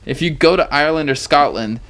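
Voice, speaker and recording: A man's voice: on the high side, fairly quick, fairly bright tone. A young man co-hosting a podcast, chatting casually with crude, teasing jokes. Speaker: podcast co-host. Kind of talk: casual chat.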